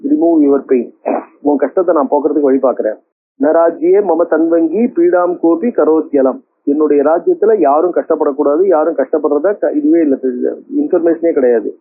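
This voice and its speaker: Older man, scripture commentary, slow verse chanting then easy explanation, husky voice, fairly high, thin phone-like sound. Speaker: Sanskrit scholar giving a scripture discourse. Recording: tinny phone-like audio.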